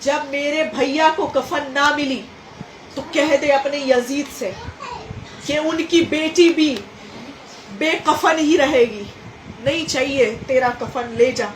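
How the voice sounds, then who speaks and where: A woman's voice: sits high, slow, slight background noise. A woman voicing a grieving, dignified noble woman who laments and then defies, within a religious recitation. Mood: defiant. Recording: roomy hall with faint ambience.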